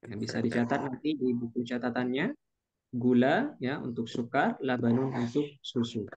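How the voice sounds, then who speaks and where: A man teaches an online Arabic class and patiently stretches out each Arabic phrase. His voice has a middle pitch. The sound is muffled, like a lo-fi call. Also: darkish tone, slightly rough.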